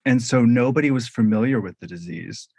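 A man's voice: mid-range voice, fairly quick, vocal fry, darkish tone, breathy edge, no echo, clean studio sound. A man from Canada in his thirties, a guest in an interview, talking in an upbeat, joking way and laughing often. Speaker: guest, visual artist. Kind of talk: conversational interview.

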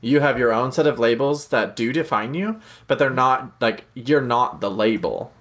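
A man co-hosting a casual podcast, wandering through a long story full of tangents and quick jokes. His voice sits at an ordinary middle pitch, relaxed and conversational. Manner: rambling storyteller, jokey asides. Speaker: podcast co-host. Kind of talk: casual chat.

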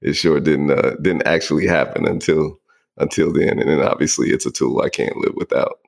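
A man in his forties from the Bay Area, co-hosting a podcast in relaxed, rambling casual chat. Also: a bass voice, moderate pace, gravelly. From San Francisco Bay Area. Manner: relaxed, rambling, many fillers. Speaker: podcast co-host.

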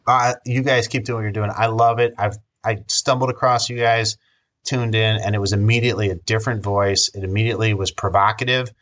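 A man's voice: lowish voice, fairly even intonation, a little fast, fairly bright tone. A man who owns an agency, speaking as a guest in a casual podcast interview, earnest and appreciative.

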